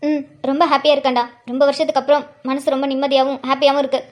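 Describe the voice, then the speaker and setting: Cartoon role: high, bright-voiced older sister, affectionate and quick to tear up, played by a woman. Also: flat delivery, close to an everyday voice. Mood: fond. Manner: affectionate, teasing, tearful at times. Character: warm older sister and young mother, emotional. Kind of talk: cartoon drama voice acting.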